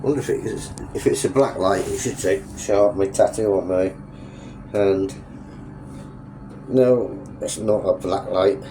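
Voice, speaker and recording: Filming a travel vlog from a Ferris wheel cabin at night, an Englishman with a stuffed-up, sniffly nose narrates casually, rambling and correcting himself. His voice is low-pitched and a little slow, over a noisy background.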